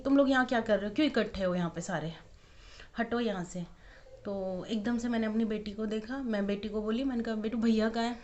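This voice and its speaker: A woman's voice: fairly high pitch, darkish tone. Worried young mother telling a home story. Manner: worried, emotional retelling with quoted dialogue. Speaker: vlogger, mother of twins. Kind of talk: casual storytelling vlog. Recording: dull lo-fi audio.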